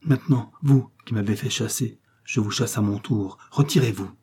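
A man's voice: on the low side, normal speed, dark tone, husky. A man playing a haughty exiled queen. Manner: brusque, haughty. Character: proud, jealous exiled queen, tall and harsh.

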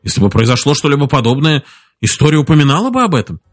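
Brief: a man playing an insistent, eager traveller, animated delivery. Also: on the high side, fast talker, soft background music. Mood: puzzled. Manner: insistent, protesting, excited. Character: stubborn eager male space traveller.

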